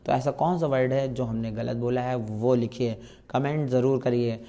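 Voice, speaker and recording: A man's voice: medium pitch, fairly even intonation, dark tone. A man teaching a step-by-step math lesson, mixing in terms and asking and answering his own questions. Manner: explains slowly, repeats steps, asks and answers own questions.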